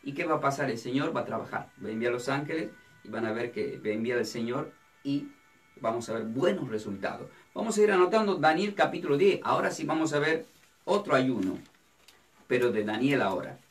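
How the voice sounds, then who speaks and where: A man's voice: medium pitch, lively intonation, fairly quick. A man, a pastor teaching a Bible study sermon, who asks his listeners questions and then answers them himself. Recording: distant mic with faint music.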